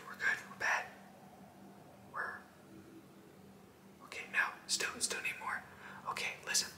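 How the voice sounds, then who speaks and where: An ASMR host in his twenties whispers fast in a small indoor room with roomy sound, breathy and insistent. He's aggressive, firing clipped, repetitive phrases straight at the listener.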